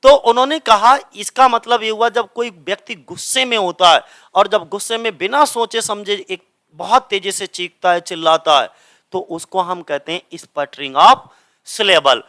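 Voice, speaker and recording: A man's voice: sits high, measured pace, bright, forceful tone. A young adult man teaching English literature, explaining step by step and asking and answering his own questions. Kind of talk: classroom explanation of grammar.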